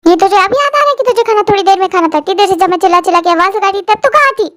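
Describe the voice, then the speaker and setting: A very high-voiced reader playing a bossy young woman who scolds the household. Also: expressive, very fast, fairly bright tone, no room sound, clean studio sound. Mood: scolding.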